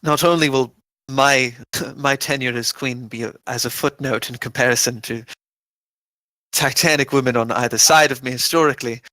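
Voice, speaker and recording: A man voicing an earnest young woman about to become queen, speaking formally and gently with soft laughs. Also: mid-range voice, steady tone, normal speed, dry recording, lightly acted, rough recording. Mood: humble. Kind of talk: in-character role-play.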